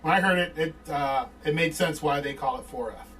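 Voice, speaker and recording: Man, podcast host, higher pitch, teasing, casual banter. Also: brisk, a bit bright, slight background noise. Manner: wisecracking, teasing. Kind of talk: casual joking chat.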